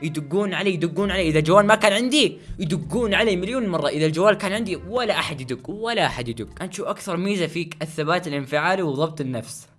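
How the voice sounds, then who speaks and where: A man doing casual reaction commentary as he tries not to laugh, excitable and often repeating phrases. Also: high voice, very fast. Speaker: host of a try-not-to-laugh challenge video.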